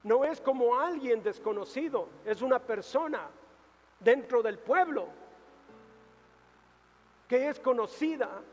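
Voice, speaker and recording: Man, pastor, sermon, high-pitched, unhurried, echoing church hall, soft music behind. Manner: preaching with dramatic rises and hushed drops.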